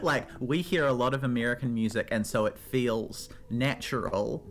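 A woman's voice: very deep voice, normal speed, slight background noise. A woman with a New Zealand accent, a regular guest on a radio segment about words, chatting casually with many fillers and restarts.

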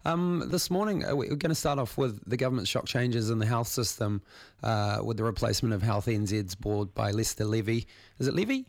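A man with a croaky voice that starts creakily, hosting a casual live radio interview in a hesitant, informal way. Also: lowish voice, brisk, dry recording. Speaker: radio show host.

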